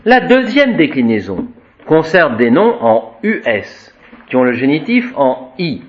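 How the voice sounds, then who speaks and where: Guy teaching latin, slow and singsongy, kinda muffled lo-fi sound. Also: on the high side. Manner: slow, lively, drawn-out recitation of word forms. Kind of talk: classroom lesson.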